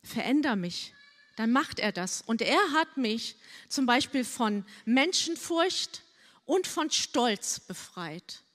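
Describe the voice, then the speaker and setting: A middle-aged woman pastor preaching a sermon in earnest, drawn-out phrases, sometimes dropping to a hushed, pleading prayer voice. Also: a little high, very animated. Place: church hall. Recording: church hall with long reverb.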